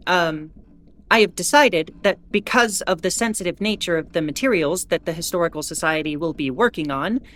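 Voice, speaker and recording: A female starship captain, acted by a woman addresses her crew in a rather low voice. She is formal and measured, with dry asides, in the manner of an official bulletin from a science fiction audio drama. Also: lightly acted. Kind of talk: scripted in-character announcement, audio drama.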